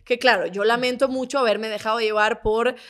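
A woman's voice: a little high, fairly even intonation, fairly quick, a bit bright. A woman host chatting candidly and reflectively with her guests. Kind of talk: casual chat.

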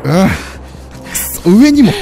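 A man commenting on a game he plays, swinging from low mutters to startled yelps. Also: huge pitch swings, takes it slowly, gravelly. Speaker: game streamer. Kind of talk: excited let's-play commentary. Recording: game music loud behind voice. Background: game sounds and music.

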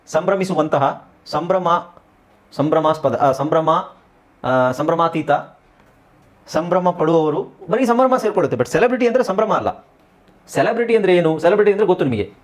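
Kannada-accented man drilling English words. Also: high voice. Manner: drills word lists slowly, then explains briskly. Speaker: English teacher. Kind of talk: live online class.

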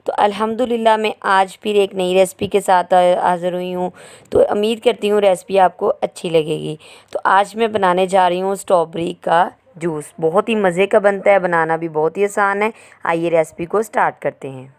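In a voice-over for her home cooking tutorial, this cooking channel host chats her way through every step and frequently tacks on "theek hai." She speaks at a moderate pace in a smooth, fairly low voice with fairly even intonation.

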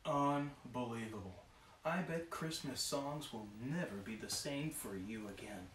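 A middle-aged man giving a hard sell ad as an infomercial pitchman, emphatic and repetitive. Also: measured pace, fairly bright tone. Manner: emphatic, repetitive salesman talk. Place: small wood-panelled office. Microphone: camera across the room. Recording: distant roomy camera sound, faint noise.

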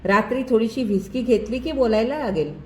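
A woman voicing a boisterous male friend who teases loudly, in a roomy recording. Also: a little high, brisk, slight background noise, natural voice. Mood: teasing. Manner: loud, joking. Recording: roomy echo.

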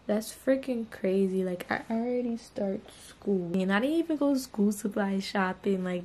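Teen girl, from Boston, slangy casual vlog chat, average pitch, faint room noise. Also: a little mellow. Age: teens. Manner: chatty, slangy, talks straight to viewers. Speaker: vlogger.

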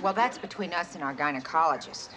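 A gushing chatty neighbor. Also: female voice, sits low, animated, a little fast, a loud crowd. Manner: gushing, effusive. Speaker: visiting neighbor wife. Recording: hissy 1970s TV broadcast.

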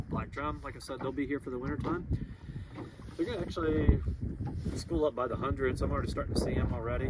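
A man in his thirties with a Florida accent, a fishing guide giving a relaxed, upbeat fishing report from a small boat, with lots of "um"s. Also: medium pitch. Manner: relaxed, chatty, upbeat, many "um"s. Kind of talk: casual monthly fishing report to camera. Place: outdoors on a small boat on a lagoon. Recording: loud wind and water noise on outdoor mic.

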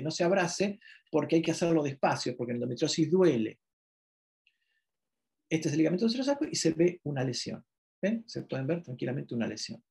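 A man's voice: on the high side, creaky, darkish tone. A man from Argentina giving a medical ultrasound lecture, explaining step by step with frequent checking questions and self-corrections.

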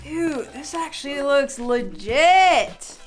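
A woman's voice: sits high, expressive, slow pace, slight background noise. A woman co-hosting a casual cooking vlog, giggly and playful, breaking into squeals.

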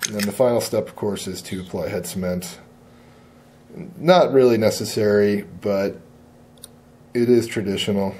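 A man demonstrating fly tying at a shop bench. He talks in a relaxed, plain-spoken way and often says uh. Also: on the low side, moderate pace, pauses often, a little hiss or hum.

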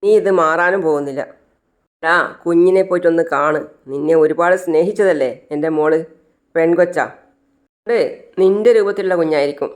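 Recap vlogger, mid pitch, filler-heavy retelling with quoted dialogue. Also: normal speed, long pauses. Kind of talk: casual story recap narration.

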